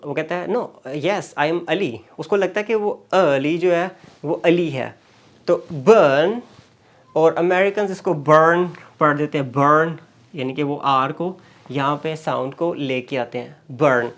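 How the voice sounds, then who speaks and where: A man teaching English pronunciation in a lecture, mixing Urdu with English and repeating single sounds slowly. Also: a little high.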